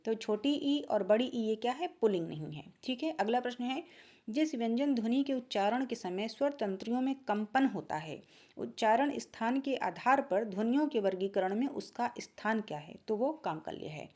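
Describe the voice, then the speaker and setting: In a Hindi grammar exam-prep lesson, a woman poses each question and then answers it in a lower, softer voice. She repeats key points to check that her listeners understand. Her delivery is expressive and moderately paced.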